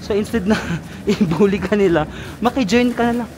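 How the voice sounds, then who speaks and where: A man's voice: high voice, moderate pace, background noise. A young man in his twenties from the Philippines, vlogging outdoors in a snowy city, chatty and laughing often, out of breath from the cold. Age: 20s. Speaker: travel vlogger. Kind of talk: casual vlog narration.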